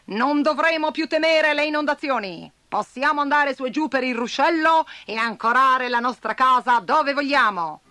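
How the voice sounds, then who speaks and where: A woman's voice: high voice, normal speed, hardly any pauses, pushed and bright, slight background noise, pitched above the performer's own voice. A woman voicing a tiny, clever male ant chief with a cheery, teasing manner.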